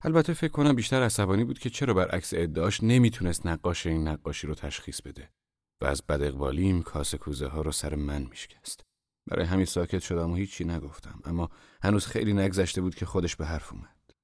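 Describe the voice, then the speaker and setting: Male narrator, low voice, measured storytelling, dry close recording. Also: darkish tone, dry recording. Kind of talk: scripted audiobook narration.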